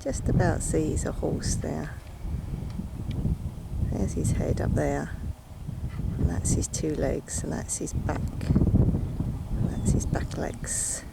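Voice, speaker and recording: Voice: medium pitch, level tone, slow, vocal fry, pauses often. A person with an Essex accent giving a chatty, casual nature vlog narration while out on an open hillside. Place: outdoors on an open countryside hillside. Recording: noisy outdoor recording with ambient noise.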